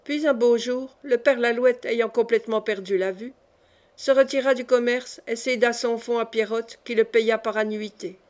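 A woman narrating a classic novel as an audiobook in a measured, even way. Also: fairly high pitch. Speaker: audiobook reader.

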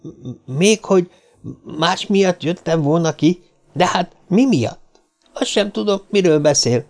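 A man's voice: sits high, lively intonation, pitched above the performer's own voice. A male narrator voicing a small, cheeky man from a circus who stammers when frightened.

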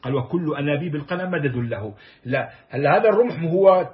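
A man's voice: on the high side, animated, fast talker. A man giving a lecture on classical poetry, reciting verses and then explaining them word by word. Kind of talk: recorded lecture. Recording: dull lo-fi lecture recording.

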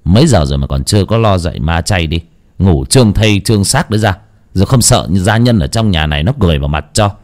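Man playing a domineering young master, gruff and barking, dark tone, horror audio story. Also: low-pitched, animated, quick pace. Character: hot-tempered young master of a wealthy house.

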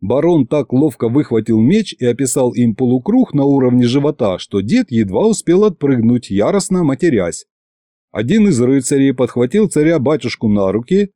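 A man narrating a first-person audiobook with expressive storytelling. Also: medium pitch, normal speed, dry recording, clean studio sound.

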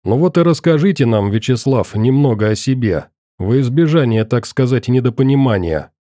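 A man's voice: medium pitch, lively intonation, warm tone, no room sound, clean studio sound, lightly acted. A man voicing a coldly polite middle-aged interrogator in an audiobook, courteous and probing. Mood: pointedly polite. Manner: pointedly courteous, probing, deliberate.

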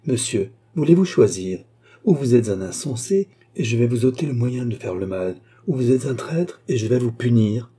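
A man's voice: medium pitch, animated, moderate pace, mellow, breathy edge. A man voicing a proud, indignant queen who scolds in a raised, reproachful voice.

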